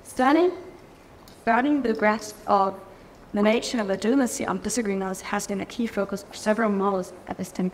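Presenting a research framework as the keynote at a conference, a German woman speaks from a lectern in a large, echoey hall. Her mid-range delivery is careful and punctuated by restarts and fillers. Slight background noise and faint ambience accompany the lectern-mic recording.

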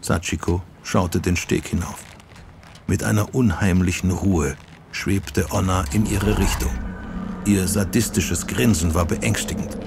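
A man with a low voice reads an audiobook in measured, dramatic narration. A faint hiss sits behind him. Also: steady tone, gravelly. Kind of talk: scripted narration.

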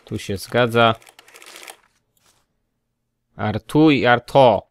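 A man's voice: medium pitch, extremely slow, creaky. A man casually commenting on his gameplay, thinking aloud and muttering as he checks details. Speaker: let's play gamer.

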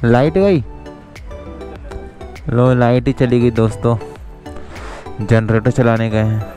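Talking to viewers like friends, a thirtysomething travel vlogger narrates casually from his motorbike on a mountain road. The voice is mid-range and steady, slow and dark in tone, over soft background music, picked up by an action camera on the bike and at arm's length.

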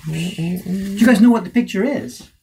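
A man's voice: sits high, measured pace, warm tone. An older man hosting a casual live printmaking workshop, coaching hands-on and often repeating short words in bursts. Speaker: printmaking workshop host and instructor. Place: small tatami workshop room, indoors. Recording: noisy room livestream, rustling and rubbing.

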